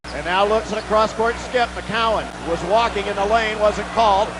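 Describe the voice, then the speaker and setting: A man announcing a college basketball game play-by-play, calling the action in rapid, clipped bursts. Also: high voice, a crowd in the background, background noise. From Midwest US.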